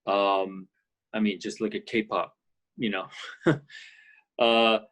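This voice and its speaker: This clip has the same Canadian percussionist, middle-aged, as a video-call guest in a relaxed interview, sitting inside a ski and golf resort. Here his voice sounds fairly low and a bit bright, level in tone and slow. He considers his words carefully, often restarting and using fillers.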